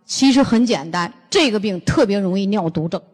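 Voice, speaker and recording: An older woman gives a lively lecture. She tells stories bluntly and throws rhetorical questions at the audience. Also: mid-range voice, fairly quick, long reverb tail. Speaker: lecturer on health and nutrition.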